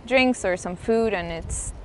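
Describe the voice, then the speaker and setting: A woman's voice: medium pitch, measured pace, a little hiss or hum. A young woman from Portugal, an engineering student giving enthusiastic interview answers outdoors in a square. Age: young adult.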